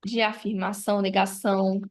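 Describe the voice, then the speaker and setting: Here a woman teaches a grammar review in a mid-range, flat voice at a normal speed. Her delivery is explanatory, stringing examples together and peppering them with "né?" and "tá?" tag questions.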